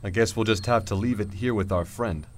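A man playing a calm, decisive space-adventure hero and storyteller in an audio drama, measured and matter-of-fact. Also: on the low side, lightly acted. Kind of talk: scripted narration and audio drama acting.

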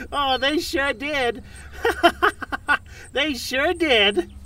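Man playing a cheeky, high-voiced little sidekick. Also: bright, forceful tone, far from the mic, exaggerated voice. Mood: gleeful. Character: very short, cheeky, excitable male space-traveling sidekick. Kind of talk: audio drama acting.

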